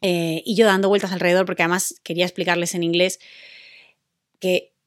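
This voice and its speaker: A woman's voice: lowish voice, level tone, fairly quick, no echo, clean studio sound. Chatty woman telling a story. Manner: chatty, hesitant with many fillers. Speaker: podcast co-host. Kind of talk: casual storytelling. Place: room recorded for a podcast.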